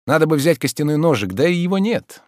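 A man narrating a classic novel as an audiobook in an expressive storytelling manner. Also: fairly high pitch, fast talker, no room sound, clean studio sound. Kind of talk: scripted narration.

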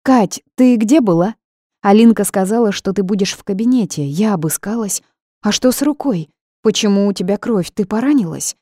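A woman voicing a young female friend who talks quickly and anxiously, pitched up above her own voice in an audiobook. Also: animated, warm tone, no room sound, studio quality, close to an everyday voice. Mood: alarmed. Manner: rapid, high, alarmed. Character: young woman friend, fast-talking and alarmed.

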